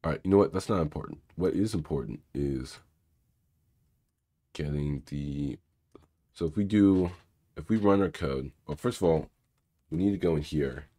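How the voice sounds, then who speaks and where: Sick and sounding hoarser than normal, this cybersecurity host speaks in a low, rumbly voice with a dark tone, keeping a normal speed but pausing often. It's a casual live coding walkthrough where he reads viewer questions aloud. He rambles, fills gaps with lots of fillers, and mumbles to himself while clicking around.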